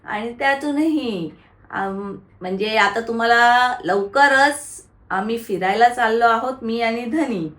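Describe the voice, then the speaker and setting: A woman's voice: fairly high pitch, slow pace, fairly bright tone, reverberant. A woman vlogger, chatting casually to her viewers and talking baby talk with a toddler. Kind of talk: casual vlog chat.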